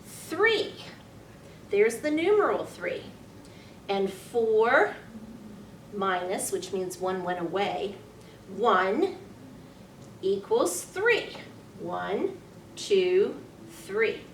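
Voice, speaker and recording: A woman reading a picture story aloud to young children like a teacher, with sing-song, exaggerated delivery and simple, deliberate phrasing for counting along. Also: medium pitch, very animated. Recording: roomy, distant mic, faint noise.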